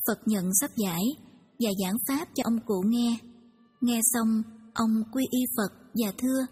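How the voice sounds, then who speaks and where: A woman narrates the tale in a steady, somewhat husky voice that sits a little high. The recording sounds like it was made in a long-echoing hall. Soft music plays underneath. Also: measured pace. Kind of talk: storytelling narration. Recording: reverberant hall, music behind.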